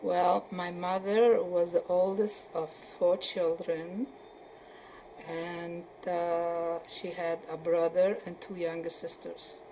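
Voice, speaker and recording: A woman in her seventies from Poland recalls her early life in an oral history interview. Her voice is low, warm and mellow, and she talks slowly and evenly. She hesitates often and searches for words, with faint noise behind her. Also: little pitch movement, low-quality recording. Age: 70s.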